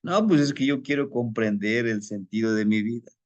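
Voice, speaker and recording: A man's voice: mid-range voice, muffled recording, voice pushed down, close to an everyday voice. A man doing a restless young seeker. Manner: hurried, anxious excuses. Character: restless, doubtful young man seeking answers.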